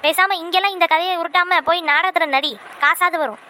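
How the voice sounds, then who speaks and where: A woman voicing a stern, quick-tempered village mother in a cartoon, nagging and scolding her daughters. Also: very high voice, steady tone, pushed and bright, a little hiss or hum.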